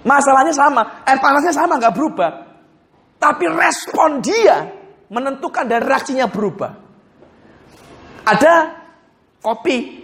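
A male pastor preaching a sermon in a lively, conversational storytelling manner, often chuckling as he talks. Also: very high-pitched, measured pace, long pauses.

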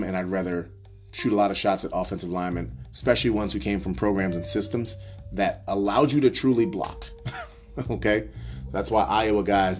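A man hosting his own show, talking through picks in a loose, rambling way with many restarts and fillers. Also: lowish voice. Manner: rambling, self-correcting, frequent ums. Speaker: podcast host doing a mock draft. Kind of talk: casual solo analysis, off the cuff.

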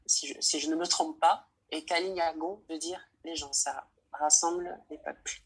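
A nineteen-year-old woman from French Guiana, answering interview questions in a hesitant way, often pausing to search for words. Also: deep voice, steady tone, breathy edge, low-quality recording.

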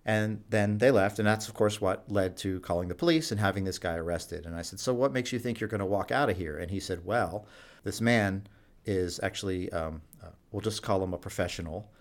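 A man's voice: deep voice, brisk. A man who works as a doctor at a jail HIV clinic tells anecdotes in a conversational interview, acting out the quoted dialogue with animation.

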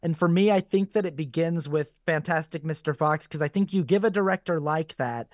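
A man's voice: fairly high pitch, a little fast, no room sound, clean studio sound. A man who is a guest actor chatting casually on a podcast and telling stories with energy. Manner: animated storyteller, quotes others in lively voices.

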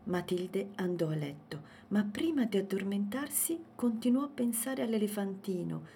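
Woman narrator for a kids picture book, lively pitch, gentle. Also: normal speed, slight background noise. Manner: gentle, expressive. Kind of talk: children's storybook reading.

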